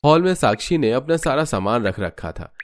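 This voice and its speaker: A man narrates an animated moral story in a scripted storytelling style, his voice medium in pitch and moderate in pace.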